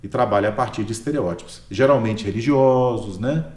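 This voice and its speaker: With a mellow touch to his mid-range voice, this man speaks briskly and explains his work as a history professor in a laid-back interview. His Brazilian Portuguese accent comes through, and "né?" keeps popping up as a question at the end of his sentences. There's a roomy echo around him.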